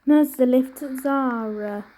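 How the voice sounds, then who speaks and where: A woman with a high voice gives casual running commentary as a tour presenter. She talks slowly in clipped, fragmentary remarks, recorded with clear noise and clicks. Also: mellow.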